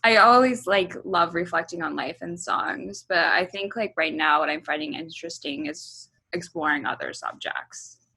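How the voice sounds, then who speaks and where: Relaxed in an interview, a thirty-something musician who grew up in Hong Kong works through her answers aloud, often saying um and like. Her pitch is on the low side and her speed normal, with a gravelly texture and a breathy edge.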